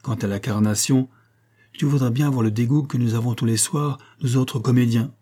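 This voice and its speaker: A man voicing a jovial, theatrical male opera singer who speaks in a lively, expansive and commanding way. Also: mid-range voice, moderate pace, natural voice.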